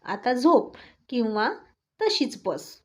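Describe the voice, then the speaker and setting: A woman's voice: on the high side, animated, slow, a little mellow. A woman reading a story aloud and voicing a stubborn, teasing young husband who talks in a firm, scolding way. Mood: teasing stern.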